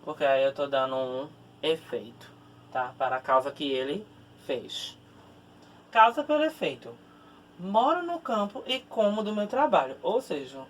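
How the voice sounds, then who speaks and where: Teacher explaining from across the room. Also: male voice, sits high. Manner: explanatory, ends phrases with tag questions. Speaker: grammar teacher. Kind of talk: recorded grammar lesson. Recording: distant mic with faint background noise.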